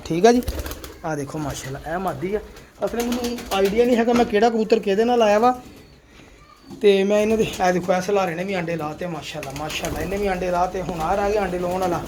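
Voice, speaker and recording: Pigeons coo behind a man as he hosts a chatty walkthrough of his loft, proudly displaying his birds and blessing them frequently; he keeps pigeons and runs a channel. His voice is high-pitched with a dark tone, and there's slight background noise.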